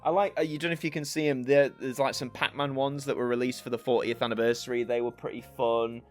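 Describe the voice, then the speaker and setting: In this casual Q&A, a young man from Yorkshire, England, hosts his YouTube channel, responding to viewers and musing aloud. He has a mixed northern English accent that leans mostly Yorkshire. His medium-pitched voice stays level and fast over soft background music.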